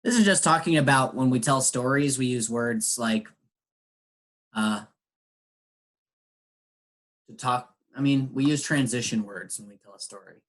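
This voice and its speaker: Man, husky voice, patient, teaching English, video call. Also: medium pitch, unhurried, pauses often, fairly bright tone. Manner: patient, explains words with examples. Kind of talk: online English lesson.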